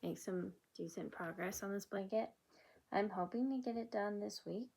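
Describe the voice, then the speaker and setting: A woman's voice: mid-range voice, normal speed, vocal fry, a little mellow, breathy edge. A woman vlogging at home in a casual, rambling way, often using "like" as a filler while she chats about her crafting. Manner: rambling, chatty, many "like" fillers. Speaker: crochet vlogger. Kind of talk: casual vlog chat.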